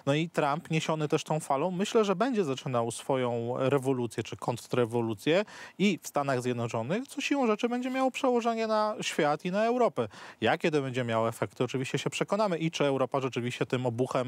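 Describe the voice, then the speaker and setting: A man's voice: a little high, animated, fairly quick, dry recording. Man in his 30s, panel commentator, emphatic repeater, dry close sound. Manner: emphatic, repeats words for stress. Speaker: political commentator. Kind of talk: studio panel discussion. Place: TV studio set. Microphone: lapel mic.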